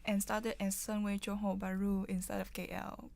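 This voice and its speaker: A young woman from Vietnam speaks as a guest in a student radio studio. Her English comes slowly, with pauses and restarts as she looks for the right words. Her voice carries a gravelly, creaky texture. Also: medium pitch, flat delivery, a little mellow. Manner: hesitant, searching for words. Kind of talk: casual interview chat.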